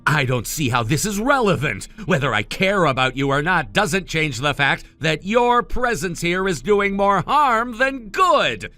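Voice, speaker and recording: A man performs an arrogant young brother in a dramatized family story. His bright, fairly high male voice swings widely in pitch as he cuts people down with dismissive contempt. Music plays underneath. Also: very animated, unhurried, few pauses, exaggerated voice. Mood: cold, dismissive. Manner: condescending, cutting, dismissive.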